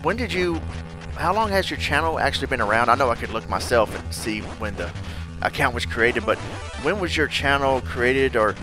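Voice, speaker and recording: A man hosting a casual interview, an animated storyteller who laughs often and acts out quotes. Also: mid-range voice, moderate pace, over music. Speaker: podcast host.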